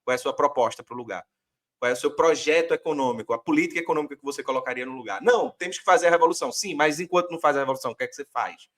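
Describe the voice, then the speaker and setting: A man's voice: medium pitch, rapid-fire, a bit bright. A man from Brazil arguing a political point as a guest author, reflective and using many fillers. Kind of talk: political discussion.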